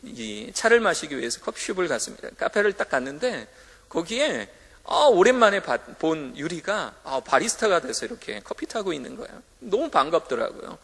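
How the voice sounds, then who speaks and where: A man's voice: high-pitched, sing-song, normal speed, vocal fry, a bit bright, slightly rough. A man preaching a sermon to students in a school chapel, telling stories with animation and acting out the voices he quotes. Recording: hall reverb.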